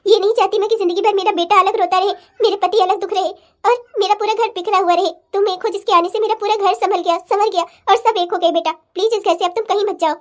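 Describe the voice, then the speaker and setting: A woman's voice: extremely high pitch, fairly even intonation, quick pace, few pauses. A woman voicing a fiery older mother-in-law who scolds her daughter and then pleads with her daughter-in-law in a cartoon drama. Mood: repentant. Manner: scolding, emotional. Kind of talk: cartoon family-drama dubbing.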